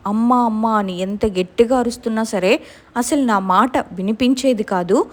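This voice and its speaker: A woman's voice: a little high, darkish tone. Young woman telling a true horror story. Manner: conversational, mixes English words into her speech. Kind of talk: casual first-person horror story.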